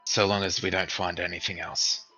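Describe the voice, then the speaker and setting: A man voicing a gruff, weary male city guard captain who grumbles with irritation. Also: deep voice, flat delivery, normal speed, sharp tone, faint music behind, full character voice. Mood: curt.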